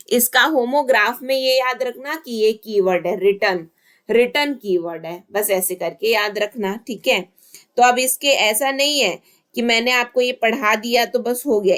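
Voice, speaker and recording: An Indian woman teaching an online exam-prep class. She talks very slowly, going over each point again and again. Her voice sits at a middle pitch. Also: fairly bright tone. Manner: slow, repetitive explaining in mixed Hindi and English.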